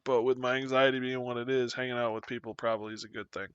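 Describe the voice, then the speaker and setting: A man's voice: mid-range voice, level tone, fast, smooth, dry recording, highs cut off. A young man chatting casually with his viewers at the end of a live stream, sleepy and rambling in a self-deprecating way. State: sleepy, yawning. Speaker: Twitch streamer.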